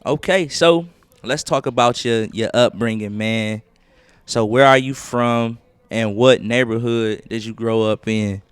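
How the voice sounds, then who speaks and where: A man hosting a casual podcast interview live from a clothing store, hyped and quick to chime in. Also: mid-range voice, clear, resonant tone, no room sound. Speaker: podcast host.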